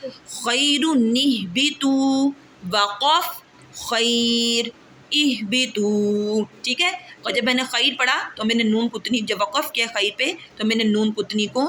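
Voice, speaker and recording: A woman teaching a tajweed lesson, patient, often checking that students understand, and slowly drawing out recited words. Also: a little high, pushed and bright, slight background noise.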